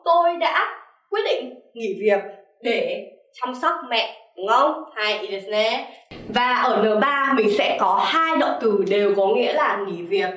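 A woman's voice: a little high, a bit bright, distant mic. A young woman teaching Japanese vocabulary in a lesson, calling herself sensei and often checking with "right?". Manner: keeps asking "right?" as a checking tag. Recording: echoey room, voice off-mic.

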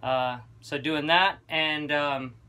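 A man in his thirties casually explaining a boat project on a marina dock, relaxed and full of ums and uhs. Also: on the high side, takes it slowly. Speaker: sailing vlogger. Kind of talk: casual how-to vlog. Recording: loud outdoor background noise.

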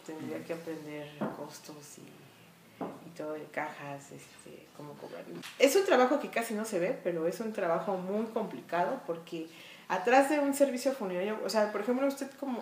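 A woman's voice: medium pitch, fairly quick, reverberant, a little hiss or hum. A woman in her forties with a Mexico City Spanish accent, a funeral director telling her story in a casual interview, full of fillers. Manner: lively storytelling with frequent fillers. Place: small art-filled room indoors.

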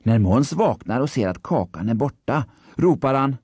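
A man narrating a children's story, expressive and storytelling. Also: medium pitch, slightly rough, no room sound, studio quality.

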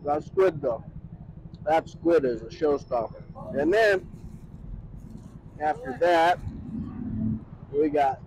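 A middle-aged man with a voice on the high side hosts a vlog, giving animated, casual and plain-spoken commentary on food with real enthusiasm. He talks slowly and pauses at length, out on a city street at night, where passing vehicles and other street noise come through clearly.

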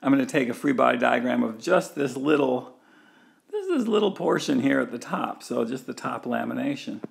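A man's voice: mid-range voice, animated, moderate pace, creaky, breathy edge. A man giving a recorded engineering lecture, walking through a diagram step by step with frequent fillers and restarts.

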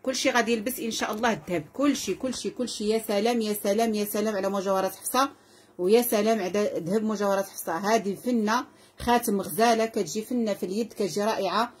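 Woman, Moroccan accent, live sales host, fast, husky, effusive. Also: medium pitch, fairly even intonation. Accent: Moroccan Arabic. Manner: effusive, repetitive, calls out prices and blessings to viewers.

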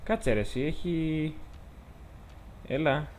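This gameplay commentator speaks in a fairly high, darkish voice, with a little hiss or hum on the recording. He has a Greek accent and keeps up a jokey, chatty let's-play patter, addressing the characters on screen.

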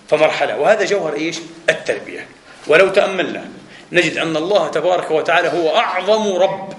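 A man giving a sermon-style lecture, animated, who keeps asking rhetorical questions and answering them himself, with a Palestinian Arabic accent. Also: high voice. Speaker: preacher. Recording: echoey hall.

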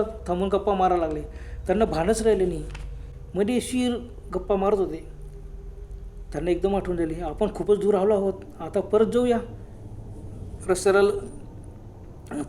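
A man narrating a ghost story in a dramatic, unhurried way, with exclamations. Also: high voice, darkish tone, slight background noise. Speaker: storyteller, channel host.

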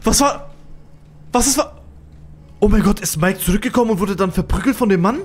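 A male streamer giving excitable, jumpy commentary on a horror game, swearing when scared. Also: high voice, fairly quick, slight background noise.

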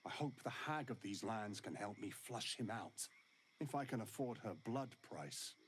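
An actor playing a wry, world-weary wandering monster hunter in a video game, with dry, sardonic delivery. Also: male voice, on the low side, expressive, normal speed, a little hiss or hum, lightly acted. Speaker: game character.

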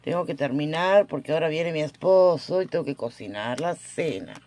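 A woman teaching a casual language lesson at home, patiently repeating each example with frequent "eh" pauses. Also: low-pitched, lively intonation, warm tone, no room sound.

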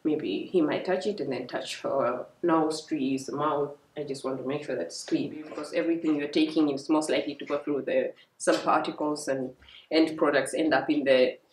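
A woman's voice: low voice, fairly even intonation, normal speed. A young woman, a working mother, chatting casually in a vlog and explaining step by step with fillers. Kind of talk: casual vlog talk to camera. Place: home, indoors. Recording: echoey room, mic at a distance.

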